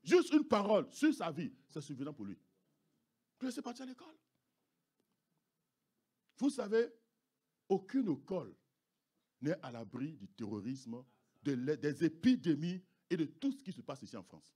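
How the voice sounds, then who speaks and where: A man's voice: fairly high pitch, very animated, moderate pace, pauses often, warm tone, slightly rough. A man preaching a sermon as pastor, emphatic and repetitive, often asking the congregation if they understand. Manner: emphatic, repeats phrases, asks the congregation "vous comprenez?". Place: church.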